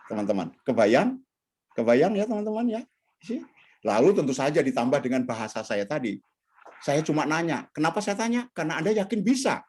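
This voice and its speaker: A man teaching communication skills in an online training session, talking straight to his audience over a video call. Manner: animated, swings pitch widely, addresses audience directly.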